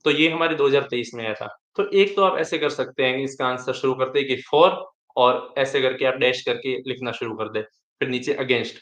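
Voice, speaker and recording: A man's voice: medium pitch, moderate pace, fairly bright tone. A young man who topped an exam explains how to structure answers, restarting phrases as he advises. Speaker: exam topper sharing tips. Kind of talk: live online interaction. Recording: echoey room.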